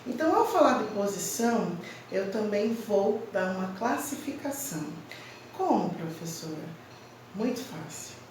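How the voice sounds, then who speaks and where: A woman teacher giving a slow, emphatic grammar lesson to children, stressing each syllable clearly. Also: medium pitch, very animated, a little mellow, recorded from a distance, slight background noise. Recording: very echoey room, voice from off-mic.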